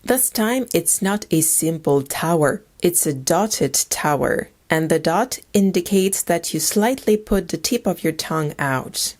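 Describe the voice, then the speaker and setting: A woman teaching a language lesson in scripted narration, naming each letter slowly and repeating it. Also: fairly low pitch, animated, a little mellow. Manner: slow, deliberate, repeats each letter name.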